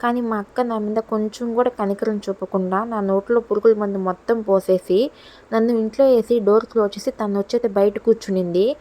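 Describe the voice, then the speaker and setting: A woman narrating a story as a voiceover in a quick, colloquial way, leaning on the same filler phrases again and again. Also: medium pitch, fairly even intonation, warm tone. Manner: rapid, colloquial retelling with recurring filler phrases.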